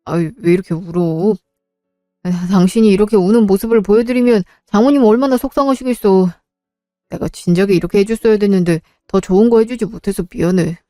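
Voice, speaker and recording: Woman as earnest kind husband, warm low-key delivery, audio drama. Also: a little fast, no room sound, clean studio sound, faint music behind, close to an everyday voice. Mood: tender. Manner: soft, reassuring, earnest. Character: devoted young husband, gentle and apologetic. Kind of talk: Korean audio drama acting.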